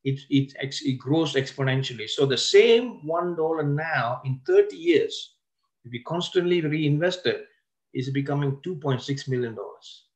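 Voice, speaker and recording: A man with a slightly high voice and lively intonation gives a lecture-style wealth seminar. He often abandons sentences and restarts them, and slows down on words he wants to stress.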